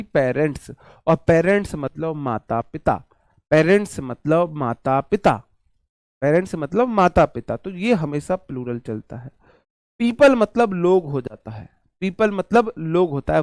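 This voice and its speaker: A male teacher with a darkish voice, pitched a touch higher than most men's, gives an online exam-prep lesson. He chats in a repetitive way, drilling key words and tossing in joking asides. The recording is close and dry, without room echo.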